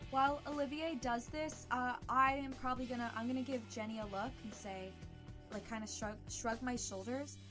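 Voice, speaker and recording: A woman's voice: fairly high pitch, steady tone, normal speed, over music. A woman playing a tabletop game, casually describing what her character does.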